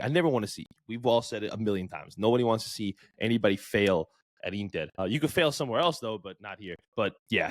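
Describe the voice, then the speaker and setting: A man co-hosting a sports podcast, talking loosely and with enthusiasm, with plenty of fillers. His voice sits slightly low, and the recording is dry and close, with no room sound. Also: no room sound. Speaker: podcast co-host. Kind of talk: casual sports podcast chat.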